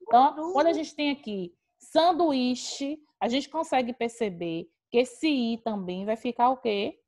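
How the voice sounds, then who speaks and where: A woman's voice: high-pitched, measured pace, a little mellow. Patient Brazilian woman teaching grammar. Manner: patient, explanatory, repeats key terms. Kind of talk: online grammar class.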